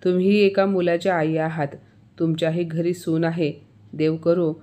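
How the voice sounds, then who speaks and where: A woman narrating a scripted family story, reading every character's lines in one steady voice. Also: lowish voice, normal speed.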